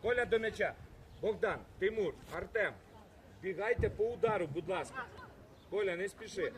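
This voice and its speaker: A man coaching a youth football team, calling short commands to his players from the sideline. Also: normal speed. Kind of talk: coaching shouts from the touchline. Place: outdoor football pitch. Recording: noisy crowd at an outdoor pitch. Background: crowd of parents and players.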